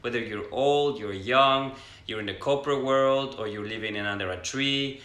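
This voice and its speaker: A man's voice: mid-range voice, normal speed, fairly bright tone, echoey room. A man from Ecuador, a yoga teacher co-hosting a live stream, talking in an earnest, expansive way about spiritual ideas. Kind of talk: casual live stream chat.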